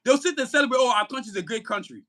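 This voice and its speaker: A man's voice: extremely high pitch, lively intonation, rapid-fire. A man on a podcast ranting angrily about politics, cursing and emphatic. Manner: angry, cursing, emphatic, shouting at times. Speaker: podcast co-host. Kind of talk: heated political podcast rant.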